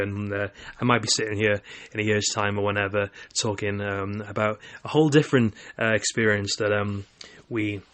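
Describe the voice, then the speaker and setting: A man's voice: lowish voice, fairly bright tone. A young man from Wales talking casually on his solo podcast, rambling with lots of filler words and restarts. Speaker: podcast host.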